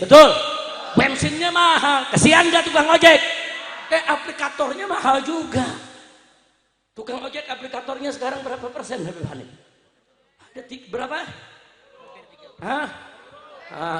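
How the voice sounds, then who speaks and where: A male preacher gives a fiery rally speech, pounding the crowd with questions and shouts. His voice is very high, bright and cutting. It rings through a reverberant, echoing space with a long tail. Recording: echoey reverberant hall sound.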